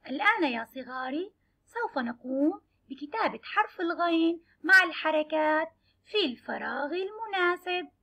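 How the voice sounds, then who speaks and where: A woman teaching young children, sounding out letters and words slowly and clearly. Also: high-pitched, lively intonation, pushed and bright. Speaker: kindergarten teacher. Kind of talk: children's lesson.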